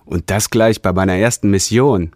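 A man voicing an excited young alien scout on his first mission, in a noticeably higher, brighter voice. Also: moderate pace, dry recording, clean studio sound, close to an everyday voice. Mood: eager. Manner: excited, wondering.

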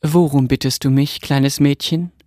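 A man reading aloud, voicing a calm, patient old woman storyteller in a quiet, measured way. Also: medium pitch, no echo, studio quality, natural voice.

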